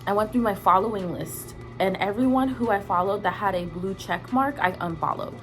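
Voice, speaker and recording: A woman's voice: mid-range voice, normal speed. A woman vlogger chatting casually and emphatically to her viewers, in slangy language with swearing and repeated words for emphasis. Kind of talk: casual opinionated chat to viewers.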